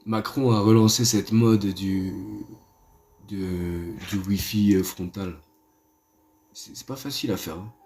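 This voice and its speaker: A man streaming live chats casually in a playful, rambling way and teases his viewers. His pace is slow and easygoing. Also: fairly low pitch, darkish tone, a little hiss or hum.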